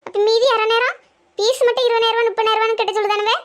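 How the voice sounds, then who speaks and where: A woman voicing a melodramatic middle-aged village housewife in a cartoon comedy, theatrical and sharp-tongued. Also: little pitch movement, very fast. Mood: sarcastic. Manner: shrill, theatrical wailing and complaining.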